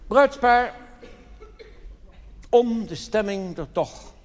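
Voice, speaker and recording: On stage in a large theatre hall, a Dutch cabaret comedian spins anecdotes with theatrical mock solemnity, firing off rhetorical question after rhetorical question. His high voice is expressive and extremely slow, captured in a noisy, reverberant live hall recording.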